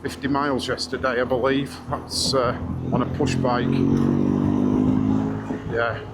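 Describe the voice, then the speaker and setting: A man's voice: mid-range voice, little pitch movement. Man talking through a windy motorbike helmet mic. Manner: musing, unhurried ride commentary. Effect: speaking through a motorbike helmet mic. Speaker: motorcycle vlogger. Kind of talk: running commentary while riding. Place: riding a motorcycle on an open mountain road. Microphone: helmet-mounted mic. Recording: loud wind noise through helmet mic.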